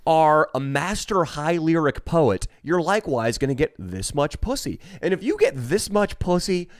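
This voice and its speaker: A man's voice: a little high, sing-song, normal speed, no room sound, studio quality. A man co-hosting a comedy podcast in casual banter, ranting in a mock-pompous way with crude jokes. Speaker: podcast co-host.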